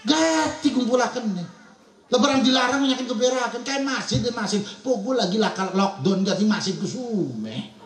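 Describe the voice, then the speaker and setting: A man's voice: very high voice, expressive, normal speed. A man with a Serang Javanese accent giving a comic sermon at a wedding gathering, laughing often and acting out villagers. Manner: jokey, laughing, acts out villagers. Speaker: preacher. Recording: echoey event sound system.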